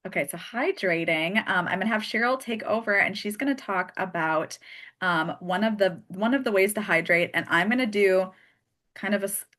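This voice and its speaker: A woman's voice: mid-range voice, moderate pace, fairly bright tone. A woman hosting a live skincare product demonstration, chatty and joking as she walks through each step. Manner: chatty and joking, laughs often. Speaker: host and skincare consultant.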